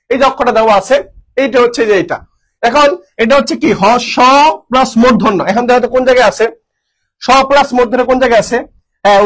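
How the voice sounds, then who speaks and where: High-voiced, fast-talking male tutor. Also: fairly bright tone, low-quality recording. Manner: drills answers by repeating key words, asks and answers his own questions. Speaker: teacher. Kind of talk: exam-prep lesson.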